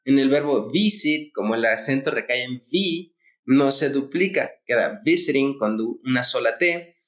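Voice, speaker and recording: A man's voice: mid-range voice, normal speed, fairly bright tone. A man teaching English grammar in Spanish, spelling words letter by letter and repeating the key points. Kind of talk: explaining grammar rules.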